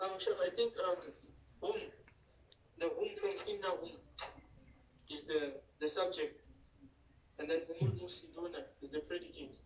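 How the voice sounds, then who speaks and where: High-voiced male student on an echoey call. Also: fairly quick, long pauses, highs cut off. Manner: hesitant, answering questions. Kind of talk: online class participation. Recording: echoey, distant video-call audio.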